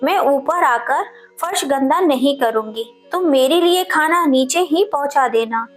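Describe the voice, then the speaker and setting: A woman voicing a gentle, trusting elderly widowed mother who talks in a soft, pleading tone. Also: sits high, lively intonation, a little slow, faint music behind.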